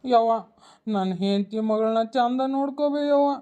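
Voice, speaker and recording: A woman's voice: fairly high pitch, moderate pace, warm tone, clear, resonant tone, close to an everyday voice. A woman voicing a remorseful young village husband in a cartoon, pleading in a mournful farewell with a North Karnataka Kannada accent. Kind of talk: cartoon voice acting. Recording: dull lo-fi recording.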